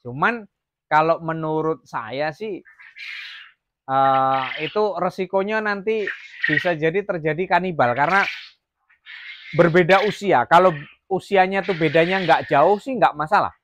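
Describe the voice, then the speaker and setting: A man's voice: fairly high pitch, measured pace, long pauses, background noise. A man from Jambi, Indonesia, running a casual farm vlog about raising quail, rambling with many fillers and restarts. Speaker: quail farmer vlogger. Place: quail farm, near the cages.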